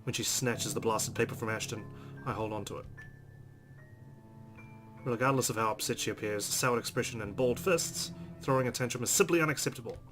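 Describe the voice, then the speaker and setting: Over background game music, a let's play host reads a visual novel's narration expressively, adding offhand comments. He speaks briskly in a medium-pitched, fairly bright voice.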